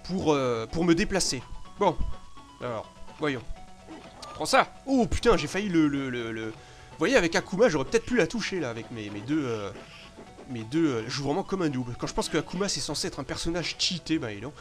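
A man commenting live on his own video game play, excitable, swearing often, with sudden loud outbursts that drop back to mutters. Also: on the high side, brisk, soft background music. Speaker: gameplay commentator.

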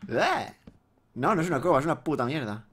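Excitable high-voiced Spanish man gaming. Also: fairly quick, slightly rough. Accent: Spanish from Spain. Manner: excitable, shouts and yelps in panic. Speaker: gameplay host. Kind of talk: casual gaming chat.

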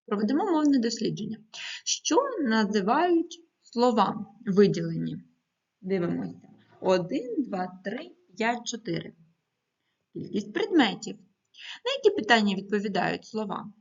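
A woman teaching primary school children in a recorded video lesson, speaking clearly and patiently and giving careful stress to each number as she reads aloud. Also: medium pitch, sing-song, moderate pace, muffled recording.

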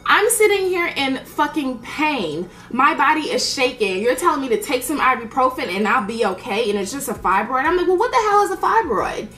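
A woman's voice: sits high, moderate pace, hardly any pauses, reverberant, slight background noise. A woman telling a story in a casual chat while doing her makeup, blunt and profane, acting out what people said. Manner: animated, blunt and profane, acts out quoted dialogue. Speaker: beauty vlogger.

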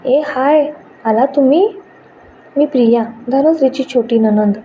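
A woman's voice: high voice, unhurried, mellow. A woman voicing a friendly young sister-in-law who talks in a breezy, welcoming way. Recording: dull lo-fi with faint noise.

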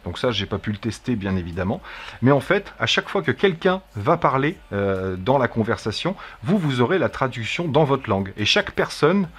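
A middle-aged man from France walks viewers through a product in a casual, chatty review. His voice is husky and a little rough at the edges, and it sits at an ordinary pitch. He talks in a relaxed way and often pauses to hesitate. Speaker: tech reviewer.

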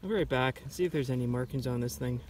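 A man from Canada narrating his metal-detecting finds in a forest, in an unhurried, muttering way, recorded outdoors on a camera mic. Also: mid-range voice, a little mellow, a little hiss or hum. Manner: muttering, unhurried, talking to himself. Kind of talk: casual outdoor commentary.

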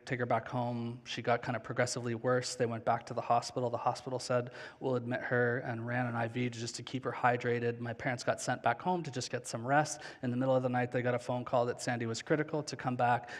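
A man in his thirties preaching a sermon on a large church stage with a headset mic, earnest and slowing down on key phrases. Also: medium pitch, level tone. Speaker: pastor. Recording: long hall reverb.

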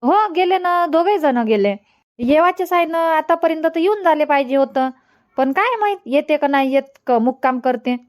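A woman's voice: high-pitched, lively intonation, normal speed, dry recording, clean studio sound. A woman voicing a fretful village mother. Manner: fretful, chatty. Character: worried village mother, unwell.

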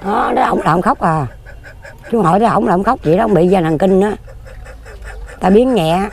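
Her voice is medium-pitched, a little mellow and husky, moving at a moderate pace. She is a Southern Vietnamese woman in her fifties who sells lottery tickets, rambling plainly and earnestly at length in a casual interview outdoors among graves.

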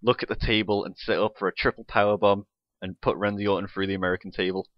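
A man's voice: lowish voice, flat delivery, fast talker, dry recording, muffled recording. A young man co-hosting a podcast, recapping a wrestling show play by play in casual chat and swearing freely. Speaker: podcast co-host.

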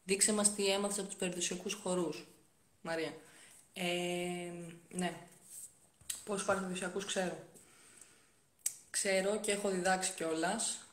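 A young woman on a casual live stream, chatting as she reads viewer comments aloud and answers them, often dropping to soft-spoken asides. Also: lowish voice, fairly even intonation, pauses often. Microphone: phone. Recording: roomy phone audio.

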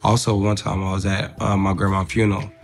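A man's voice: on the low side, little pitch movement, a little fast, gravelly, soft background music. A man hosting a casual interview, teasing his guest in a slangy, joking way. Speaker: host.

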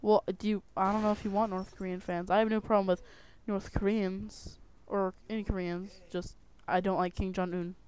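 A man's voice: sits high, level tone, moderate pace, few pauses, darkish tone, clear, resonant tone. A young man co-hosting a gaming video with casual, teasing banter. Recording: slightly noisy home mic with clicks.

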